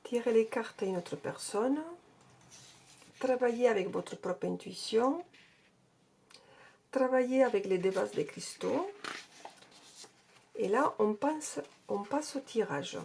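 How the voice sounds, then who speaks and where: A woman's voice: a little high, slow, creaky, long pauses, darkish tone, slight background noise. A woman casually reviewing an oracle card deck and reading out card texts, hesitating often. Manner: hesitant, with many fillers and restarts; reads card text aloud.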